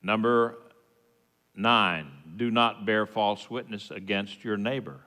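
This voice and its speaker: Slow West Texas twang in a reverberant hall. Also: male voice, lowish voice, fairly even intonation, pushed and bright. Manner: folksy, halting, plain-spoken asides. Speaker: congregation teacher giving the sermon. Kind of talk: informal teaching sermon with scripture readings. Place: reverberant hall at a worship service.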